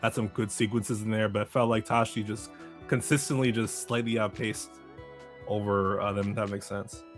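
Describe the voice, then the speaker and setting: A man co-commentating a competitive fighting game match in a casual tone, quick to react with exclamations. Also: lowish voice, level tone. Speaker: esports co-commentator. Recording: game music behind the voice. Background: game music.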